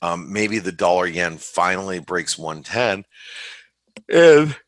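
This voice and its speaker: Male forex analyst, very low voice with a bright, forceful edge, dry close sound, rambling webinar chat full of restarts. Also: fairly even intonation, no echo. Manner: halting, many restarts and fillers, thinks aloud. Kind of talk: casual webinar market commentary.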